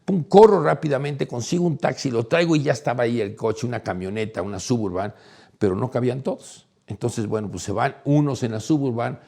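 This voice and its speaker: A man telling a personal story in a lively way, his voice climbing high and loud at the exciting parts. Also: brisk, creaky. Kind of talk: animated storytelling.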